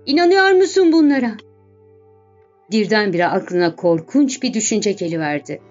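Female audiobook narrator, measured dramatic literary reading, mid-pitched voice; dull lo-fi track with faint music underneath.

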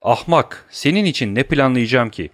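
A man's voice: medium pitch, lively intonation, normal speed, dry recording, studio quality, natural voice. A man voicing a stern, commanding nobleman disguised as a priest, reading an audiobook. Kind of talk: audiobook character voice.

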